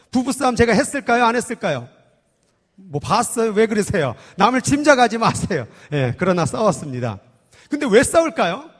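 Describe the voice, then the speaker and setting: A man's voice: sits high, fairly bright tone. A man in his thirties preaching a sermon as pastor, talking conversationally and teasing the congregation with questions. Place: church sanctuary. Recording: long church hall reverb.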